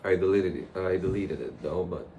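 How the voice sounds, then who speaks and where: A man's voice: low voice, steady tone, normal speed, warm tone, highs cut off. A young man rambling casually and reflectively to a camera, in a loose conversational monologue. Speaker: vlogger. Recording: clear background noise.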